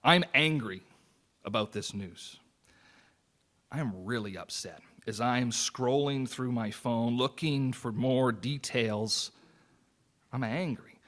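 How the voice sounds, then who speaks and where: A man's voice: mid-range voice, slow. A man preaching a sermon as associate pastor, in an earnest, conversational way with personal stories.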